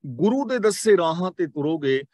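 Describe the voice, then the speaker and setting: A man with a Punjabi accent preaching a scripture sermon, who chants each verse slowly and then explains it line by line, mixing in English words. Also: sits high, sing-song, a little mellow, no echo. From Punjab, India. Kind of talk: gurbani katha sermon.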